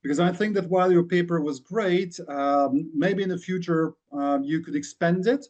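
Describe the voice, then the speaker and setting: A man from Hungary giving measured, academic commentary as a discussant on a webinar panel, joining by video call. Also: sits high, darkish tone, muffled recording. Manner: measured, academic, with frequent restarts. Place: Budapest, remote video call.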